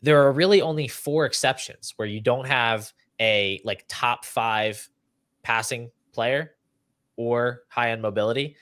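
Here a young adult podcast host discusses fantasy football, explaining figures and listing them off in a conversational, analytical style. His mid-range male voice is unhurried and a bit bright. The recording, made indoors in a small home room on a video call setup, sounds dry.

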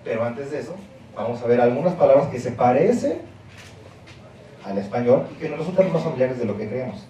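This university lecturer has a mellow mid-range voice with lively intonation and a fairly quick pace. He explains emphatically and keeps checking in with listeners; the recording, made far from the mic in a very echoey lecture hall, picks up audience noise.

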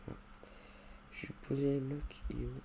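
A man's voice: mid-range voice, flat delivery, moderate pace, creaky, mellow, slight background noise. A man giving casual, rambling gameplay commentary at his computer, hesitating often with fillers. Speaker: YouTuber.

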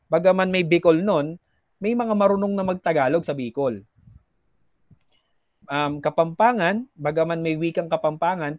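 A man's voice: fairly high pitch, no room sound, highs cut off. A man teaching a recorded lesson, explaining step by step and now and then putting on regional voices to show how people talk. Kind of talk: recorded classroom lecture.

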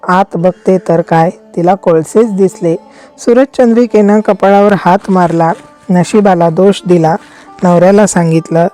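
A woman tells a devotional folk tale in a measured, steady way. Her voice is mellow and warm-toned, mid-pitched for a woman, with soft music playing faintly underneath. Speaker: storyteller. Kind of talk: devotional story narration.

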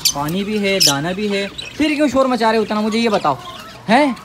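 A man, chatting casually to the camera as he shows his pet birds, animated and exclaiming at them. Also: high voice, a little fast. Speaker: pet vlogger. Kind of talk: casual vlog narration. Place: outdoor backyard with bird pens. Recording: noisy outdoor phone recording. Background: birds chirping and squawking.

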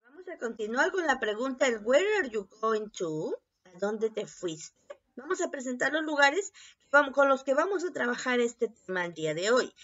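A woman teaching a bilingual English lesson, repeating each word slowly and often checking with a quick "ok?". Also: high-pitched, sing-song, fairly bright tone. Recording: dull lo-fi recording.

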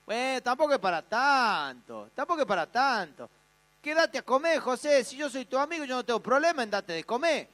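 A man's voice: very high-pitched, sing-song, fairly quick, a bit bright, dry recording, pitched above the performer's own voice, exaggerated voice. A man voicing a blunt, tactless middle-aged friend, close to his own voice. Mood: reassuring.

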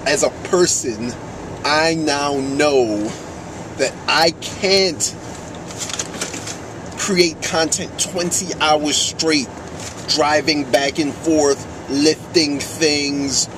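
A man in his twenties chatting for a vlog in a weary, deliberate way. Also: on the high side, fairly even intonation. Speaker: video creator, vlogger. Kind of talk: casual vlog chat. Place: inside a car. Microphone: camera in the car. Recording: noisy car interior.

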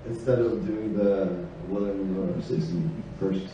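A young man, a panel guest asking playful, halting questions. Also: deep voice, mellow, lo-fi sound. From Norway. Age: 20s. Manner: playful, hesitant, joking. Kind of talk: casual panel chat. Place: convention stage, indoor hall. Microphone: handheld mic, far camera. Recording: echoey hall from far off, faint noise.

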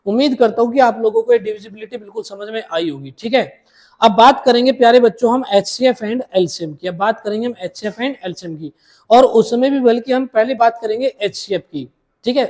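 Male maths teacher, patient and repetitive, slows down to spell out each step for the class. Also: extremely high pitch, darkish tone. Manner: repeats each step slowly, addresses students as dear children. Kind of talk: blackboard maths lesson.

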